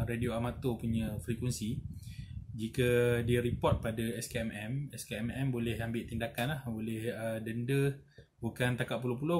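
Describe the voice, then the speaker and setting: A man with a Malaysian accent and a medium-pitched voice does a casual unboxing and product review, with slight background noise. He explains things in a relaxed way, often tacking on little checking tags.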